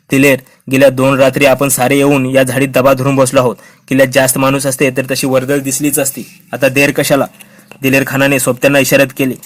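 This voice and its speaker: A man reads a historical novel aloud at a steady, unhurried pace. His pitch barely moves from line to line, staying level and monotone even through the characters' lines. It is a plain, even audiobook reading. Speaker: audiobook reader.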